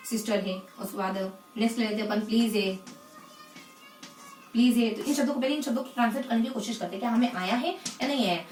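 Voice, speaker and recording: A woman teaching English phonetics in a lesson, asking the class questions and answering them herself, and repeating key words slowly. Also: fairly high pitch, darkish tone, roomy sound, distant mic, soft background music. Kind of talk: explanatory lesson in Hindi.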